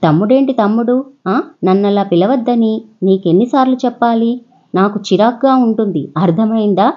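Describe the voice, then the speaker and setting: A woman's voice: medium pitch, moderate pace, muffled recording, natural voice. A woman voicing a spoiled young boy who whines and orders his sister around. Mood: bossy. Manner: whiny, demanding, rude.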